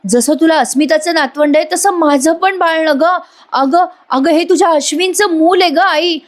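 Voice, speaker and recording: A woman voicing a desperate pregnant young woman who begs and pleads. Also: moderate pace. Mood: insistent. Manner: pleading, tearful, high-pitched.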